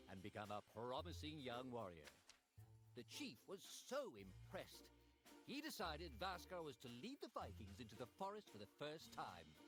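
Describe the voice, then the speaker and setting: Man, game story narrator, storybook reading, very animated intonation. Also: mid-range voice. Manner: expressive, lively storytelling. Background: music.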